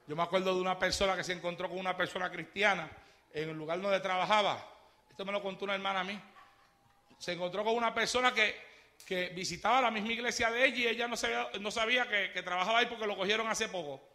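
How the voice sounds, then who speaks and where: A man preaching a fiery sermon in a church, moving between hushed storytelling and shouted exclamations. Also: high-pitched, steady tone, fast.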